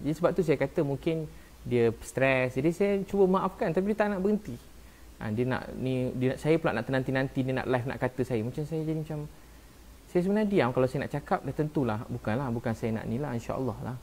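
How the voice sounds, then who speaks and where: A man with a Malaysian Malay accent, a preacher talking casually on a live stream, soft-spoken and earnest, often saying "ha" and "Masya Allah". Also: medium pitch, fast talker. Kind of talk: casual live-stream talk answering viewers.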